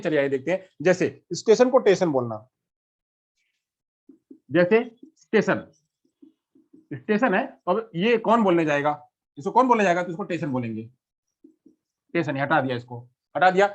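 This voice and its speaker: A man's voice: high voice, lively intonation, moderate pace, long pauses. A male teacher giving an exam-prep lecture, repeating himself and asking questions he then answers. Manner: repetitive, asks and answers his own questions. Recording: dull lo-fi recording.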